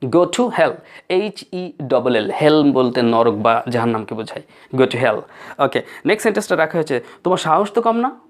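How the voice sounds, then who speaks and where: A Bengali-speaking man teaching spoken English phrases, saying each one slowly and spelling words out letter by letter. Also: medium pitch, big pitch swings.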